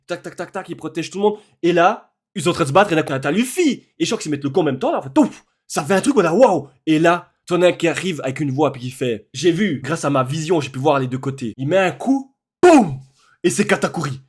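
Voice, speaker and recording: Excitable man recapping a film. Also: on the high side, brisk, slightly rough. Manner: animated storytelling with sound effects, building to shouting excitement. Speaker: film reviewer.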